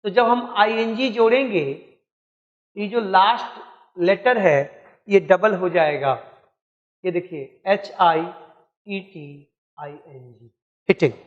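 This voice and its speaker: A man's voice: high voice, slow, long pauses, long reverb tail, highs cut off. A man teaching an English grammar lesson, spelling words out letter by letter and asking and answering his own questions.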